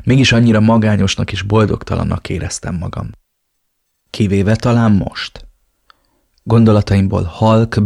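Deep, gravelly male audiobook narrator. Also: darkish tone, no room sound, studio quality. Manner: brooding, inward. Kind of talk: first-person novel narration.

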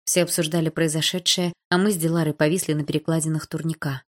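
A woman narrating a novel in the first person with calm, even reading. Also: low voice, fast. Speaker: audiobook narrator.

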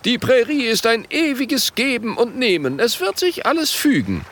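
A man voicing a carefree, boastful male sub-chief who exclaims his words in a shrill voice, in a storybook reading. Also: sing-song, moderate pace, a bit bright, full character voice. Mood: exuberant.

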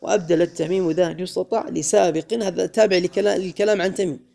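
A man teaching a grammar class, his voice gravelly and mellow. He keeps quizzing the room with questions and slows down to chant lines of verse. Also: high-pitched, fairly even intonation. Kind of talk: classroom lesson.

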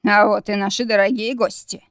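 A woman's voice: medium pitch, fairly even intonation, brisk, a bit bright, clean tone, dry recording, studio quality, natural voice. A woman narrator voicing a smug, scornful male dragon who sneers at the emperor.

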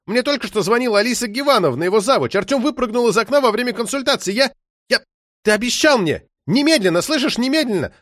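A man voicing an angry ex-wife shouting down the phone in a shrill, frantic voice. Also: animated, fast, no echo, studio quality.

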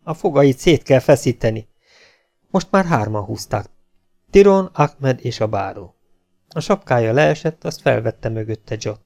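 A man reading an adventure novel aloud as an audiobook narrator, with a steady, slightly dramatic delivery. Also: medium pitch. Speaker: audiobook reader.

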